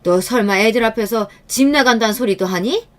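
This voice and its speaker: A woman's voice: a little high, brisk, lightly acted. A woman voicing an older, nagging mother-in-law who scolds her daughter-in-law with contempt. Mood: scolding, scornful.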